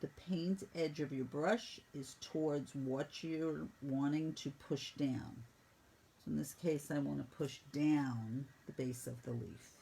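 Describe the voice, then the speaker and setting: A woman painting instructor walking students through each brush stroke in a brisk, teasing teaching manner. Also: sits low, gravelly, dark tone, slightly rough, rough recording. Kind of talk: step-by-step painting lesson.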